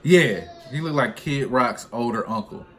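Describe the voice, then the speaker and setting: With a medium-pitched voice and a slightly slow pace, a young truck driver shares a personal story for his vlog. He's conversational and animated, using plenty of slang, and the room behind him is clearly noisy.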